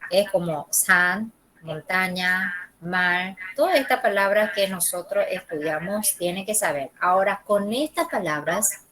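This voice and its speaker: Slow-paced woman teaching a language lesson. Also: medium pitch, a bit bright, rough recording. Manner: checks understanding with frequent ¿sí? and ¿ok?; models pronunciations slowly and repeats them. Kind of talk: classroom lesson.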